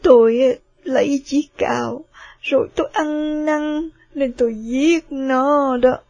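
A woman's voice: sits high, steady tone, slow pace, mellow, no room sound. A woman voicing an anguished middle-aged mother who pleads through tears. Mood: desperate. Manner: pleading, tearful.

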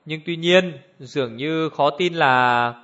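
A man's voice: on the high side, slow pace, fairly bright tone. A man voicing a scornful male adventurer who talks curtly in a sour, irritable tone, on a dull lo-fi recording. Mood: sardonic.

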